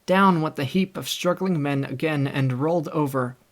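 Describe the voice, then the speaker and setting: A young man reading a classic novel aloud in scripted audiobook narration, with a steady storytelling delivery. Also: a little high, normal speed. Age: young adult. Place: home recording setup.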